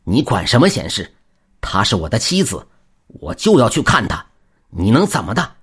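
A man voicing a grieving young husband in an audio story, talking loudly and agitatedly. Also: lowish voice, huge pitch swings, moderate pace, breathy edge, heavily acted. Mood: shouting. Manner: loud and agitated. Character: desperate young husband, grieving and hot-headed.

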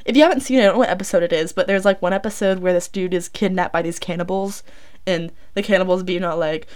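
A woman's voice: mid-range voice, racing, a little mellow. Young woman recording in a closet, chatty true crime host, informal, trips on words and corrects herself. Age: young adult. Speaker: podcast host. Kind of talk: casual true crime storytelling. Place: inside a closet.

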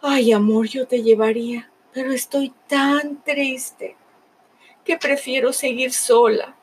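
A woman voicing Sadness, a withdrawn female emotion who speaks in a slow, mournful, resigned way. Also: high-pitched, steady tone, slight background noise, pitched above the performer's own voice.

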